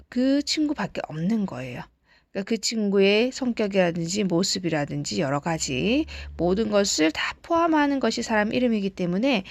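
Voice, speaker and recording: Woman, grammar teacher, patient step-by-step lecture, gravelly voice, dry close sound. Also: medium pitch, dry recording. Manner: patient, explains step by step, asks rhetorical checks. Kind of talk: recorded lesson lecture.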